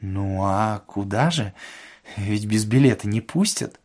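A man voicing an elderly, fussy, stingy gentleman who speaks hushed and hesitant in an audiobook. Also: on the high side, very animated, unhurried, husky, voice pushed up, full character voice. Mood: plaintive. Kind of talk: audiobook character voice.

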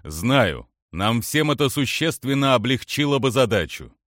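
A man's voice: mid-range voice, sing-song, a little slow, fairly bright tone, no echo. A man reading the lines of a seasoned alien male general in an audiobook, dry and guarded in tone. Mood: wry, guarded.

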